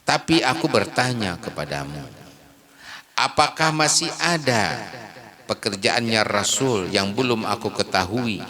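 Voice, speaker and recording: A gentle, grieving old companion who speaks slowly and low, as a preacher acts him out. His bright voice still moves through a wide, lively range. The role sits inside a spoken sermon story. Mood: solemn. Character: grieving gentle elderly male companion, humble.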